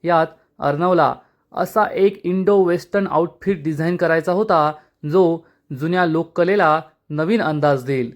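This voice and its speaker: High-voiced man recapping a TV episode. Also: a little slow, muffled recording. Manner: dramatic, addresses listeners as friends. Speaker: TV serial reviewer.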